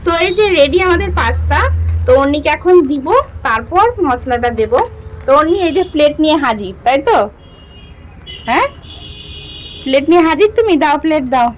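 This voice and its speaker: A woman's voice: high voice, expressive, a little fast, pauses often, slight background noise, poor audio. A young woman with a West Bengal Bengali accent chatting casually to viewers while she cooks and feeds her daughter at home. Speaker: vlogger and mother. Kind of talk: casual home cooking vlog. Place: home kitchen.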